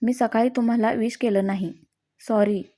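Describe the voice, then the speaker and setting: A sulky, tearful young wife in a family story, her voice fairly high and mellow, as a woman narrator puts her on. She speaks quietly, wounded and close to crying. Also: steady tone, normal speed, lightly acted. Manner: sulky, weepy delivery.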